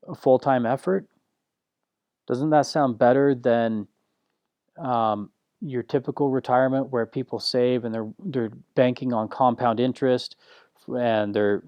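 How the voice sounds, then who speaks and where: A man teaching a recorded online course in a slow, low-key, unanimated way, often restarting his sentences. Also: warm tone, no echo. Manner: frequent restarts and filler words.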